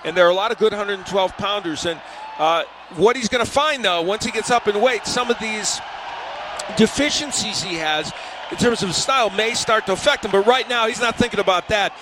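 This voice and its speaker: High-voiced male boxing analyst, noisy arena. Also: brisk, a crowd in the background. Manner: analytical, explanatory, raised voice over the arena. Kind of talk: live boxing commentary and analysis. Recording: clear arena noise behind the voice.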